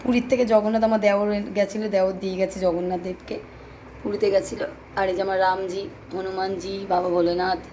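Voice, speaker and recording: A young woman with a hoarse throat, chatting to her viewers in a casual home vlog while filming on a handheld phone. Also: mid-range voice, flat delivery, quick pace, darkish tone, a little hiss or hum, poor audio. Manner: chatty, addresses viewers directly. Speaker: vlogger. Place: small home flat. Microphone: phone held in hand.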